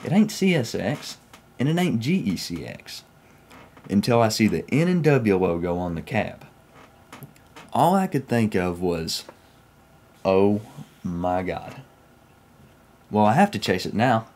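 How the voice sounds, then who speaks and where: Slightly slow, with long pauses, his lowish, somewhat mellow voice makes big pitch swings. He is a young railfan vlogger from Oklahoma, United States, whose Southern US accent carries his folksy, casual stories about trains he's experienced, told indoors in a small room at home.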